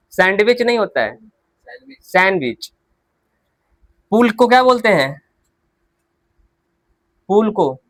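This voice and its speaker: A man's voice: high voice, fairly bright tone, dry recording. A male English teacher with a Hindi accent, teaching pronunciation in Hindi, who drills words over and over and answers his own questions. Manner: repetitive drilling, asks questions and answers them himself. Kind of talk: spoken English lesson in Hindi.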